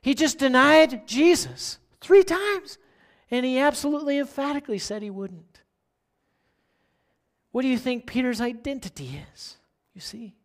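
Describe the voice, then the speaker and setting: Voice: high voice, moderate pace. A pastor giving a sermon in a conversational way, often asking the listeners questions and checking in with "right?".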